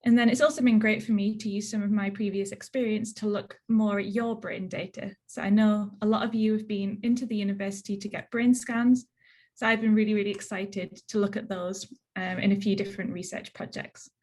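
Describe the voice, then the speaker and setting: Giving a research talk on a video call, a young woman with a Northeast English accent, from northeast England, speaks with a medium-pitched, steady, darkish voice at a brisk pace. She's chatty and plain-spoken, with frequent "so" and "um".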